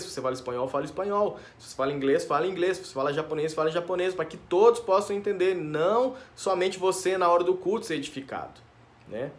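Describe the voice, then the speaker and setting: Brazilian male pastor, conversational preaching, slightly high voice, folksy and informal. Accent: Brazilian Portuguese. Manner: informal, tag questions, addresses listeners as dear ones. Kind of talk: conversational sermon.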